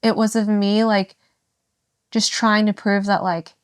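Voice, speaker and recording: Young woman, podcast guest, candid talk, halting and emotional, mid-pitched voice, dry close sound. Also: little pitch movement, smooth, no room sound. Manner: halting, emotional, many fillers and restarts. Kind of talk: candid personal conversation.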